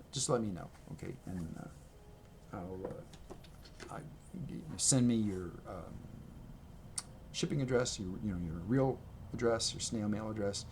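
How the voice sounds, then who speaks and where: Indoors at home, a man records casual vlog talk on his camera mic, chatty and rambling, fixing his own words as he shows things. The voice is lowish and a little mellow, with slight background noise.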